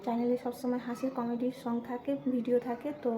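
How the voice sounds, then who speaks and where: A woman from hosts a casual makeup tutorial vlog at home, speaking softly on purpose. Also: on the high side, completely flat delivery, fairly quick, noisy background. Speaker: vlogger.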